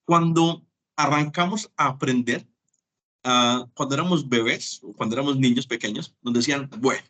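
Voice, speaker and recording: In a web conference lecture, a man teaches at a normal speed with a medium-pitched, slightly bright voice. He's talkative and plays out short example conversations.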